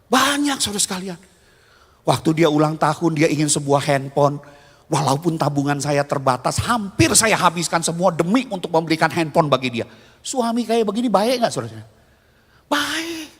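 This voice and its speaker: A man in his fifties preaching a sermon as a pastor, telling stories with animated swings between loud and hushed. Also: fairly high pitch, normal speed, breathy edge. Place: church. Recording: long reverb of a church hall.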